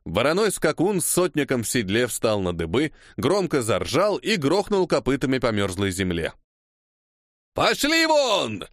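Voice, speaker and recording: Animated male audiobook narrator. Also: medium pitch, moderate pace, few pauses, dry recording, studio quality. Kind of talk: scripted first-person audiobook narration.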